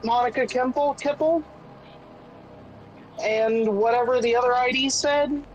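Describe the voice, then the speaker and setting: A man's voice: very high voice, fairly even intonation, measured pace, slight background noise, low-quality recording. A man playing a tabletop game, speaking hesitantly and stammering in character. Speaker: player. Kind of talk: casual tabletop play.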